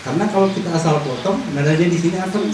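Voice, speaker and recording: A man's voice: a little high, very fast. A man demonstrating how a traditional instrument is made, explaining step by step and plainly to a workshop audience. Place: large hall. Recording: roomy echo, distant mic, audible room noise.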